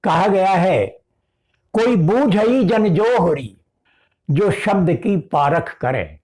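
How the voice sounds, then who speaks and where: Very slow, calm spiritual teacher. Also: medium pitch, low-quality recording. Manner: calm, measured, deliberate teaching. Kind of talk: scripture discourse, chanting verses and explaining them.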